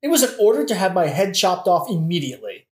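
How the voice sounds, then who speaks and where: In a modern comedic audio play, a woman voices a sarcastic, melodramatic young prince with theatrical delivery. Her voice is on the low side, a little mellow, very animated and quick, and her smug, sardonic performance carries a roomy echo.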